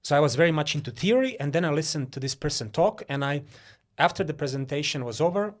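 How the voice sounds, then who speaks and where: A man's voice: fairly high pitch, animated, quick pace. A Croatian-born man talking casually as an interview guest, with many fillers and restarts.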